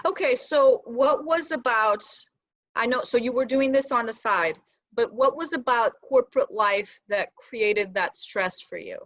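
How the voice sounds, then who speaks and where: A woman's voice: fairly high pitch, measured pace, a bit bright, no room sound, dull audio. A woman hosting a video interview, talking casually with frequent fillers. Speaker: host.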